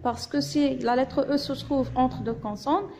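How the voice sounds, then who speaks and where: A woman teacher with a Moroccan accent, giving a slow phonics reading lesson to young children and patiently sounding out letters and syllables. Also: high voice, steady tone, darkish tone, a little hiss or hum. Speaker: primary school teacher.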